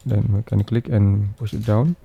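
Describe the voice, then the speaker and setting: A man narrating an unscripted step-by-step software tutorial, speaking in halting, repetitive phrases with frequent hesitations. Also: on the low side, fairly even intonation, creaky, breathy edge, lo-fi sound.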